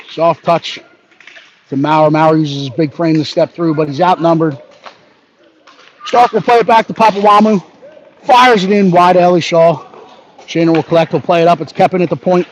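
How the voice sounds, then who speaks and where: A man giving brisk live hockey play-by-play, narrating each pass and leaning toward the home team. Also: a little high, fairly even intonation. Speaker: play-by-play announcer. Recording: dull lo-fi audio with faint background noise.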